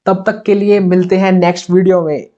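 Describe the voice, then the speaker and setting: A man's voice: high-pitched, level tone, brisk, dark tone, dull audio. Earnest young man in a chatty vlog. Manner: earnest, chatty, constantly says "bhai". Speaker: YouTube reaction host. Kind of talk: casual opinion vlog.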